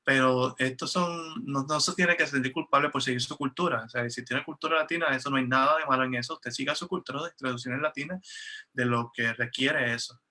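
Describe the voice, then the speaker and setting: Un hombre que interpreta una conversación en una videollamada y habla en tono conversacional, con muchas muletillas y frases que vuelve a empezar. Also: male voice, medium pitch, a little fast, pushed and bright. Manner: conversational, with frequent fillers and restarts. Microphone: video call.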